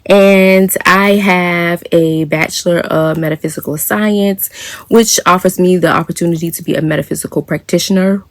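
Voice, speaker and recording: A woman talking to camera about her spiritual practice in a soft, meandering way, with many fillers and small laughs. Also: fairly low pitch, no room sound. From United States. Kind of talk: casual reflective vlog monologue.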